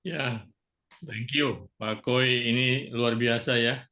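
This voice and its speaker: A man's voice: mid-range voice, fairly even intonation, takes it slowly, sharp tone. A man hosting an online church small group, friendly, with many small fillers. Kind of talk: moderating an online prayer meeting.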